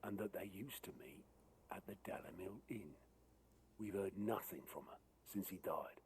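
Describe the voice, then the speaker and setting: A male actor playing a gruff, dependable second-in-command in a fantasy video game, with a raspy voice and plain-spoken, measured delivery. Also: low voice, a little hiss or hum. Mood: confiding, steady.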